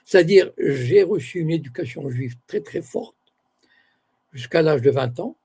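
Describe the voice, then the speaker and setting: An elderly Moroccan author and university academic gives a reflective interview, animated yet measured, searching for words and correcting himself. His gravelly, husky voice carries a dark, mellow tone that lands a little high for a man.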